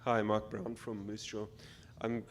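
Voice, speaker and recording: A man's voice: on the low side, little pitch movement, unhurried, slight background noise. A man, a physician delegate, commenting from the floor of an assembly, hesitant with fillers and repeats.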